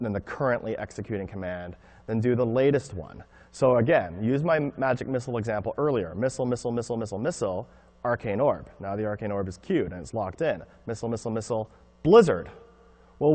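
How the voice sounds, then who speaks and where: A man presenting a conference talk on game design, explaining in an animated way and acting out what players think. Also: medium pitch. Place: conference hall.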